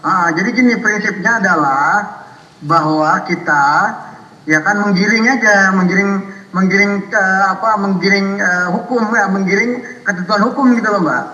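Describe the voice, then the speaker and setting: A man on a recorded phone call, played back over loudspeakers, insistent and repeating himself, humming along as he listens. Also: high voice, normal speed. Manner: insistent, repeats words, many hums of assent. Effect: recorded phone call played over courtroom loudspeakers. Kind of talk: casual phone conversation. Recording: echoey hall audio played from far off.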